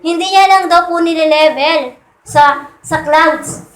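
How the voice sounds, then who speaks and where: A woman's voice: very high-pitched, takes it slowly. A woman preaching a Sunday sermon in a conversational way, often asking her listeners to agree and mixing English phrases into her talk. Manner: mixes English phrases into Tagalog. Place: church. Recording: echoey church hall.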